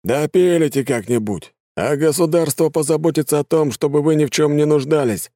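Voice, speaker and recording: A gruff military commissioner, put on by a male audiobook reader, barks orders in a raised, higher, forceful voice, clipped and commanding. The recording is close and dry. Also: fairly quick, no echo, natural voice. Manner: barking orders, shouting roll call.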